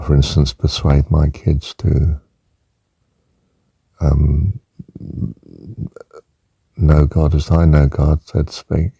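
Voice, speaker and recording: An older man gently talking through a reflective monologue with rambling asides and soft fillers. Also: a bass voice, creaky, slightly rough, no room sound. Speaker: personal reflection speaker. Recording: muffled lo-fi recording.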